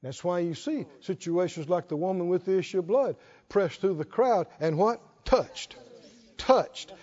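A man's voice: high voice, measured pace, darkish tone, highs cut off. A male pastor preaching a sermon, emphatic, prompting the congregation with short questions.

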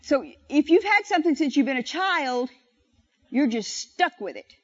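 A woman preaches animatedly in a high voice, leading the congregation in call-and-response and having them repeat lines. She slows down to stress each verse of scripture. The recording sounds dull and lo-fi.

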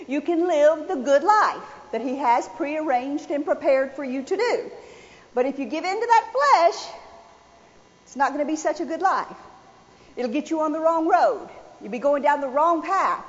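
A woman preaching a sermon, telling a personal story in a folksy, animated way. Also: sits high. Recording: dull sound with long hall reverb.

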